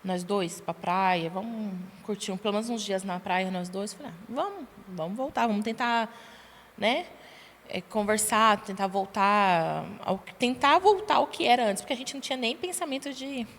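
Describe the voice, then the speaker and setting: A young adult woman, a podcast guest, tells her personal testimony in a lively way and acts out the dialogue she quotes. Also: medium pitch, normal speed. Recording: long reverb, faint background noise.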